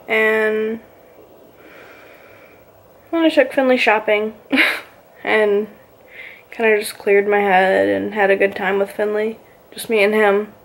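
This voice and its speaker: A woman's voice: mid-range voice, gravelly. A woman vlogger casually telling a personal story, rambling and filling her talk with "you know" and "like".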